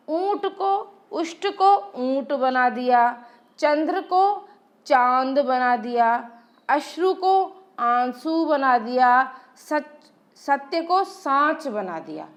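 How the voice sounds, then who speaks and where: Lively, high-voiced woman teacher. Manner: asks rhetorical questions and answers them herself; drawn-out, sung examples when calling out sounds. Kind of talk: exam-prep lesson.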